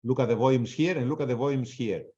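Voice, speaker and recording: Speaking fast in a mellow, mid-range voice, this non-native English speaker runs a trading webinar with live commentary and audience Q&A. He's blunt and casual and swears freely, and the webinar audio is dull and lo-fi.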